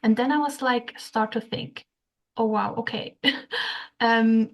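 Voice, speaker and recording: A young woman, a podcast guest telling her story in a soft, hesitant way with frequent fillers and light laughs. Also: a little high, fairly even intonation, slow pace. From Switzerland. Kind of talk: casual interview chat.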